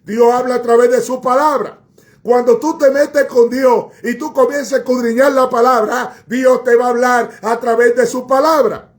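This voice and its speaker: A man's voice: extremely high pitch, steady tone, moderate pace. A man preaching a fervent sermon, repeating phrases and crying out to God between lines.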